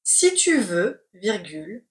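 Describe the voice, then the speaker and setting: A woman teacher reading a dictation aloud in deliberate, carefully segmented phrases, calling out the punctuation. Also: mid-range voice, big pitch swings. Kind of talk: slow read-aloud dictation with repeated phrases and spoken punctuation. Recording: echoey room.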